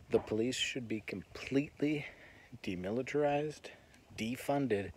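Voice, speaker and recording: An American vlogger delivers an earnest, reflective monologue while walking, talking as he moves. His voice sits on the low side, with a little hiss or hum in the recording.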